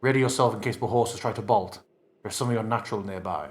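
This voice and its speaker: A man's voice: lowish voice, fast, slightly rough. A man playing a wary male knight in a tabletop game, speaking formally and cautiously.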